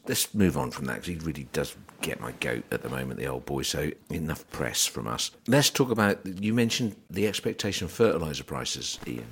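A man's voice: very deep voice, animated, fairly quick, few pauses, a bit bright, slightly rough. A man hosting a casual farming market chat, wry and rambling, with mock-announcer asides. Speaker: host of a farming market talk.

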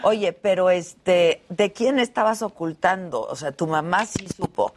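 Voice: medium pitch, unhurried. A host with a Mexican accent interviewing a guest in casual chat, chiming in with short questions and reactions.

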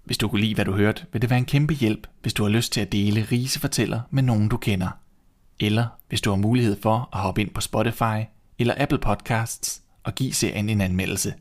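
A man hosting a podcast and calmly narrating a classic fairy tale. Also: fairly low pitch.

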